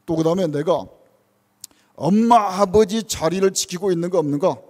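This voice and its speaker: A church elder with a high, darkish voice preaches a sermon at normal speed in a church sanctuary, the big room audible in the sound. He is earnest and full of rhetorical questions, now and then acting out a parent's words.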